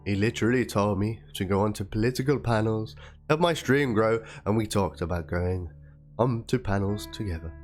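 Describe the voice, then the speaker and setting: His voice sits on the low side as he narrates, at a moderate pace, a written document and chat messages with theatrical drama. Instrumental music runs underneath throughout.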